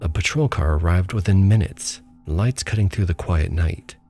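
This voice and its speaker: Speaking in a very deep, low voice, a man from a small town abroad calmly narrates a ghost story in the first person. His steady, measured delivery sounds scripted, and faint music sits quietly beneath him.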